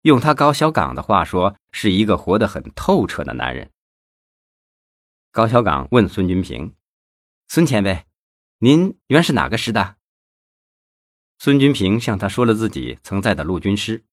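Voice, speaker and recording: A man narrating an audiobook in a measured, steady way on a close microphone. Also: lowish voice, dry recording.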